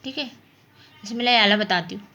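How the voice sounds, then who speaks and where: This woman's medium-pitched voice is brisk with a sharp edge. She is giving a relaxed, spoken math lesson, breaking problems into steps and regularly answering her own questions.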